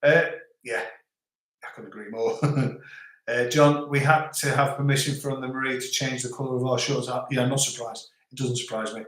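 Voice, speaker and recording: Broadcasting live from his home in the French countryside, a Liverpool-born man with a toned-down Scouse accent reads viewer comments in casual, rambling chat full of stops and restarts. His medium-pitched voice has fairly even intonation at a normal speed, and the room echoes.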